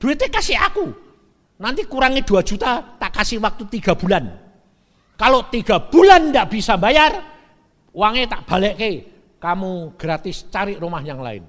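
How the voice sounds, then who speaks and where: A man voicing a frantic middle-aged wife who shrieks her words rapidly. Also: fairly high pitch, lively intonation, fairly bright tone, in a large hall.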